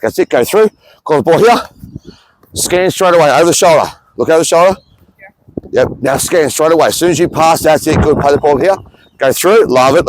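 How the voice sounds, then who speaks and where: A man coaching players through football drills outdoors, mixing brisk clipped commands with calm explanations. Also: on the high side. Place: outdoor sports field on a windy day. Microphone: camera mic on the field. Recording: wind and outdoor noise on camera mic.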